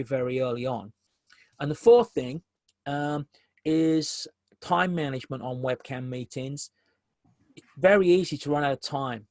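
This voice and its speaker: A man's voice: fairly high pitch, darkish tone, no echo. A man giving a conversational business webinar presentation over a video call, repeating key phrases for emphasis.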